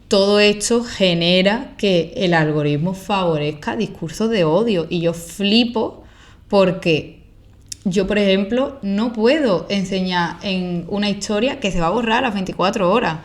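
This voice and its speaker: A young woman with an Andalusian Spanish accent speaking casually and with opinion in an interview, using colloquial, emphatic phrasing and rhetorical questions. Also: medium pitch. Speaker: guest, social media creator and activist.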